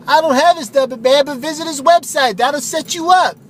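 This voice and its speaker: A man voicing an excitable barfly in a spoof radio ad who talks loud, high and shouting. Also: a little fast, a little hiss or hum. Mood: excited. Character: excitable, shouting male barfly pushing a doctor.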